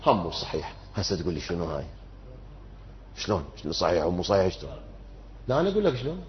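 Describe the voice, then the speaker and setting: A man's voice: deep voice, wildly swooping pitch, racing. A man giving an interactive religious lecture, putting questions to his audience and answering them himself. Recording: muffled lo-fi recording.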